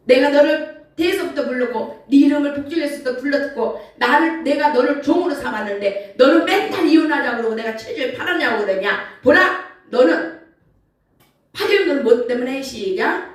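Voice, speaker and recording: A woman preacher giving an animated sermon and acting out grumbling prayers. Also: high voice, a little fast. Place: church sanctuary. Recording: echoey church hall from far off.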